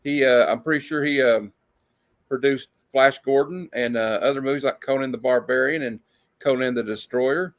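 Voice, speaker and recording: A man's voice: medium pitch, moderate pace. A man hosting a horror movie show in a casual horror-host manner, chatting loosely as on a livestream.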